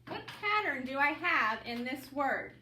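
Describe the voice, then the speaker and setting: Bright and forceful, this high-voiced woman teacher sounds animated while keeping a measured pace. She runs a phonics lesson, coaxing and upbeat as she names each student. Audible noise and a distant mic give the audio a roomy feel.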